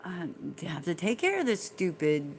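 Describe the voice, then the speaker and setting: A woman's voice: fairly low pitch, big pitch swings, normal speed, a little hiss or hum. A woman chatting casually on a livestream, rambling and swearing freely as she talks to her viewers and answers their comments.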